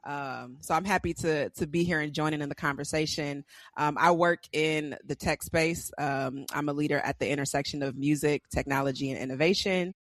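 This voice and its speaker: A woman from Detroit's east side, a podcast guest talking casually and softly with many fillers. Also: sits low, normal speed, no room sound. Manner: soft-spoken, many fillers.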